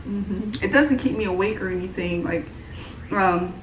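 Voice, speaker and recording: A woman's voice: medium pitch, unhurried, recorded from a distance, soft background music. A tired, heavily pregnant woman in her thirties giving a rambling, casual update, with lots of fillers and restarts. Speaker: vlogger. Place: at home, room with echo. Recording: roomy, from the mic, noisy home.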